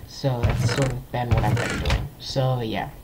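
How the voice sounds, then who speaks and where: A man's voice: mid-range voice, steady tone, unhurried, heavy background noise. A man hosting a gameplay video, giving casual let's-play commentary in a rambling way, full of fillers and restarted sentences, into a desktop computer mic.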